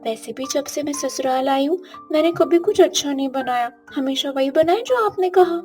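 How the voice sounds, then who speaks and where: A woman's voice: high voice, normal speed, music in the background, close to an everyday voice. A woman voicing a meek young daughter-in-law in a cartoon story, who speaks politely and pleads. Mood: pleading.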